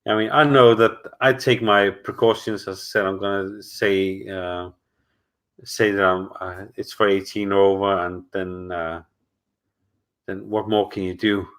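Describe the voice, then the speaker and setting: Answering his live chat from home, a middle-aged channel host talks casually and rambles, hesitating with lots of fillers and false starts. His voice sits low and a bit bright, with fairly even intonation and an unhurried pace.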